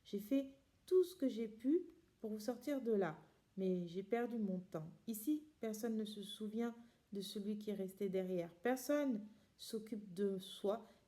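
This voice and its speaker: A well-dressed man keeps his voice low and cautious as he speaks, read by a woman in her own mellow voice. His speech is earnest and guarded, with a soft, warm tone. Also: a little slow, lightly acted. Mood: wary. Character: wary, elegant middle-aged man in hiding.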